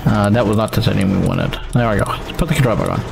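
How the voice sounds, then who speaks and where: A man giving casual, animated let's-play commentary, joking and swearing freely. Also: fairly low pitch, fast talker, vocal fry, background noise. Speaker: gaming streamer. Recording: game music in the background.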